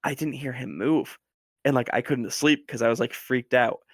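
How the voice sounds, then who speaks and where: A man guesting on a podcast, telling a story in a casual, animated way with lots of fillers. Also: mid-range voice, moderate pace, dry recording, clean studio sound.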